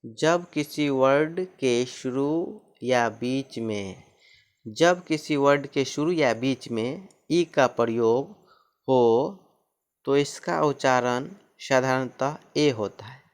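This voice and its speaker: A man's voice: medium pitch, slow pace, smooth. A man teaching pronunciation rules who repeats each point and asks and answers his own questions, speaking. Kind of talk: classroom-style explanation.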